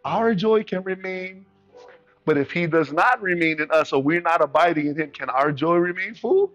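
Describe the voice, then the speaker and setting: A man from the Pacific islands preaching a sermon as pastor, with animated call-and-response and a playful manner. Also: a little high, normal speed, dull audio, faint music behind.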